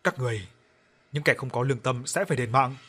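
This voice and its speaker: A man's voice: mid-range voice, quick pace, fairly bright tone, slightly rough. A man voicing a vengeful dead boy's spirit that speaks through a possessed woman, hateful and accusing.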